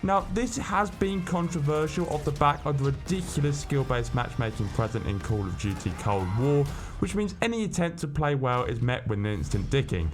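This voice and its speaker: A man's voice: a little high, lively intonation, moderate pace, hardly any pauses, music in the background. A British man narrating scripted gaming news as a host, in a colloquial, tongue-in-cheek manner.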